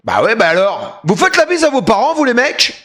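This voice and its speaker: Male live streamer, high voice that leaps around, joking, loud outbursts. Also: huge pitch swings, brisk. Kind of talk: casual live-stream chat.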